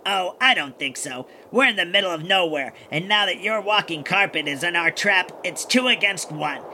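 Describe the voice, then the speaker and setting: A man's voice: sits high, animated, normal speed, bright, forceful tone, slight background noise, heavily acted. A man voicing a bossy, sneering, conceited poacher boss, the villain of a children's audio adventure, full of scornful insults. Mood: smug, dismissive.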